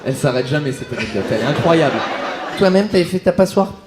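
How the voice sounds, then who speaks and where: Male comedian, fairly high voice, incredulous crowd-work banter, live echoey venue. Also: expressive, fast. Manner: teasing, incredulous. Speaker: stand-up comedian and host. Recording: echoey live show, loud audience noise.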